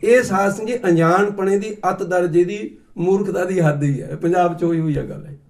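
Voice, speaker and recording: Preacher, middle-aged man, a touch high in pitch, story-driven sermon delivery. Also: a little mellow. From Punjab. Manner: storytelling, acts out quoted voices, slow deliberate explanations. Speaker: Sikh preacher. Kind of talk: katha sermon with anecdotes.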